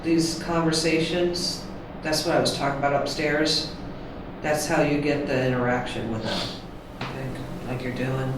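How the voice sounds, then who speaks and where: A man's voice: mid-range voice, steady tone, normal speed. Man on location, echoey and distant. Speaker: paranormal investigator. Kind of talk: on-location casual conversation. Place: indoor theater rooms. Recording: echoey room, distant mic, noisy.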